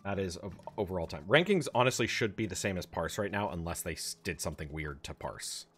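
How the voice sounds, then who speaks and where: Low-voiced man explaining raid mechanics. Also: expressive, brisk, a bit bright, faint music behind. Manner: rambling explanations with many fillers and mild swearing. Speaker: streamer, raid leader. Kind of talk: casual voice chat while gaming.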